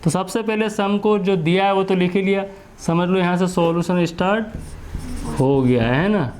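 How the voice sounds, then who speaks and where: A man's voice: high voice, a little slow, darkish tone, a little hiss or hum. A man with an Indian accent teaching a maths class. He asks students questions, answers them himself, repeats key steps and mixes Hindi and English terms. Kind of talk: classroom lesson.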